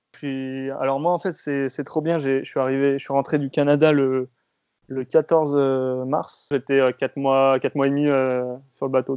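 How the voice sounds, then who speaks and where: A relaxed man in his thirties from the Paris region chats as an interview guest. His voice is smooth and resonant, set close and dry. The sound is a little dull and muffled. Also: mid-range voice, no room sound. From Paris region, France. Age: 30s. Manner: relaxed, laughs easily, hesitant fillers. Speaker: guest, sailor and technician. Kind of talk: casual interview chat.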